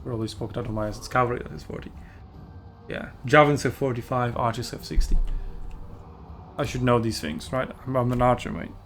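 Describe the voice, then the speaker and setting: A man hosts a gaming video in a casual, rambling commentary voice. He talks at a mid pitch, chatty and full of fillers. He often stops to correct himself. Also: a little fast, a bit bright, faint music behind.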